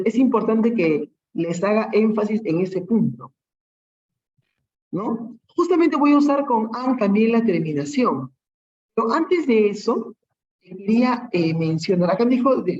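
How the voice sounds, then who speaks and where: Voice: mid-range voice, darkish tone, lo-fi sound. A teacher with a Peruvian accent giving a class, patiently running through many examples and checking in with frequent tag questions. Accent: Peruvian Spanish. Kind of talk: online class lesson.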